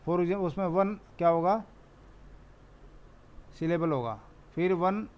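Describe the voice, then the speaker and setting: A male teacher with an Indian accent explaining spelling rules, reading English lines slowly and repeating each point in Hindi. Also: sits high, lo-fi sound. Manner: repeats questions and answers them himself. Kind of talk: classroom lesson explaining rules.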